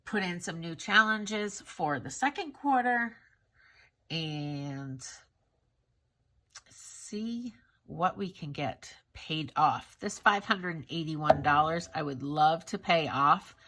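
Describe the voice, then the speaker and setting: A congested woman talks through her monthly budget in a relaxed, unhurried vlog. Her voice is fairly low yet bright and forward, and her stuffy nose comes through. She sounds candid and self-critical, with plenty of fillers and restarts. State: congested from a cold. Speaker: budgeting vlogger.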